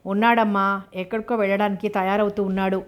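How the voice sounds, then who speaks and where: A woman's voice: mid-range voice, little pitch movement, brisk, lightly acted. A woman reading the part of a nosy, prying older housemaid who speaks in a rustic way. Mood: curious. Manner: curious, prying.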